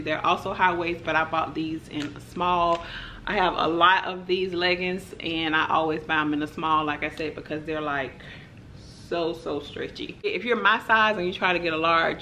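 A young woman talks through her shopping haul in a relaxed, chatty way, peppered with "like" and "y'all." Her voice sits a little low for a woman. A faint hum of the room sits behind her. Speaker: vlogger. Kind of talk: casual haul chat to camera.

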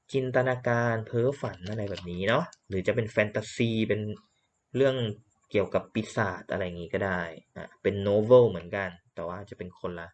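A man's voice: on the low side, lo-fi sound. A man teaching English vocabulary, repeating words for drilling and explaining patiently. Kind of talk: slow classroom lesson.

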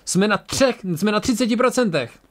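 A man's voice: sits high, lively intonation, pitched above the performer's own voice. A man voicing a tense, commanding female officer on a starship in an amateur audiobook reading. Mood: urgent. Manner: shouting, urgent.

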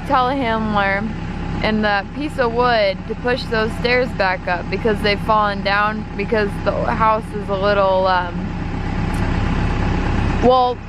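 A woman's voice: mid-range voice, fairly even intonation, takes it slowly, very noisy. Chatty woman vlogging outdoors. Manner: chatty, playful, rambling. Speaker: guest helper filming. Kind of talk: casual vlog chat. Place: outdoors by a house. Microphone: handheld camera.

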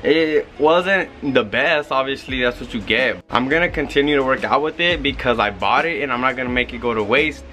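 A man's voice: mid-range voice, brisk, hardly any pauses, pushed and bright. A young man giving a casual, rambling product review while working out on an outdoor covered patio, filming with a handheld camera held close. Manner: laid-back, rambling, chatty. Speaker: vlogger.

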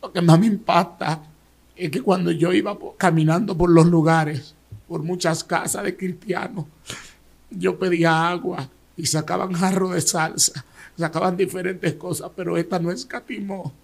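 A man tells an emotional personal testimony as a pastor, acting out the voices of the people in his story. His voice sits somewhat high for a man, and he rises and falls in loudness as the tale grows intense. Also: steady tone, moderate pace, creaky. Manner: dramatic storytelling, voicing others in quotes.

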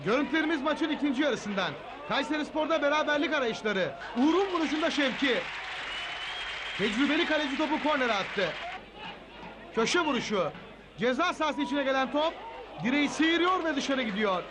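Screaming male football commentator, very high-pitched. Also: lively intonation, brisk. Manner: shouting, screaming delivery. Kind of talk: excited match commentary. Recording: loud crowd noise behind commentary. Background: stadium crowd.

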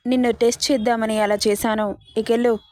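A woman's voice: fairly high pitch, little pitch movement, fairly quick, no room sound, close to an everyday voice. Woman voicing a harsh angry young husband. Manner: shouting, scornful.

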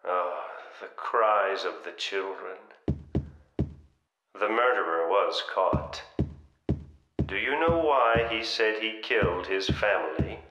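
An actor playing a creepy, mock-welcoming haunted house announcer in a horror game, theatrical and menacingly polite. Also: male voice, deep voice, slow pace, long pauses, highs cut off. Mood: macabre relish. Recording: echoing room, music underneath.

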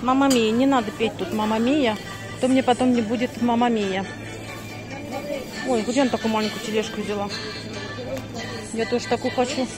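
High-voiced woman chatting casually to camera. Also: fairly even intonation, fast talker, music in the background. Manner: rambling, thinking aloud. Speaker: vlogger. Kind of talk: casual vlog chat. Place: on the move: stairwell, parked car, busy supermarket. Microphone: handheld phone at arm's length.

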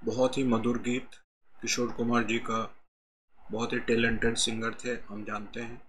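A man with an Indian accent teaching harmonica in a calm, explaining way, his voice a bit heavy from a cold, singing out note names between explanations. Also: mid-range voice, moderate pace, slight background noise. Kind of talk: harmonica tutorial.

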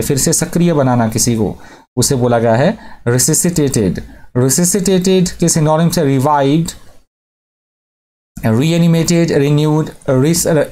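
A man's voice: on the high side, dark tone. A man teaching English vocabulary, listing meanings, synonyms and antonyms methodically. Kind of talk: vocabulary lesson.

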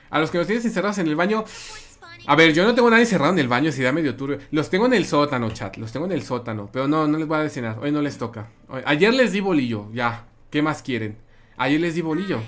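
A man's voice: on the high side, lively intonation, fast, a bit bright. A man with a Mexican accent commenting live on his gameplay, chatting with viewers and repeating his phrases. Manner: chatty, repeats phrases, reads and answers chat. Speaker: streamer.

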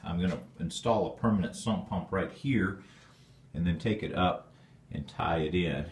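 A man's voice: low-pitched, moderate pace. A man giving a casual, rambling walkthrough of his old basement as a homeowner, filming on a handheld phone. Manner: rambling, plainspoken, with fillers. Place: dark stone basement, indoors. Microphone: handheld phone camera. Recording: echoey basement room.

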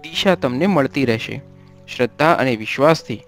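A serene male ascetic, voiced by a man reading aloud, steady and admonishing in a storybook. His voice sits in a middling pitch. Soft music plays faintly underneath. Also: moderate pace. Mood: gentle counsel. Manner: steady admonishing, then gentle.

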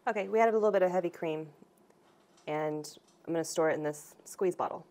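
A woman in her thirties casually talking through a recipe in her home kitchen, relaxed and chatty, picked up by a camera across the room. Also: lowish voice, fairly quick. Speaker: home cooking vlogger. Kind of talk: casual cooking demonstration.

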